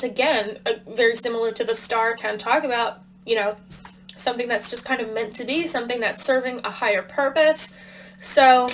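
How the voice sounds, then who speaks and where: A woman's voice: a little high, a bit bright, slight background noise, low-quality recording. A woman giving a casual tarot reading to her viewers, thinking aloud with plenty of fillers while talking around a cough drop. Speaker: tarot reader.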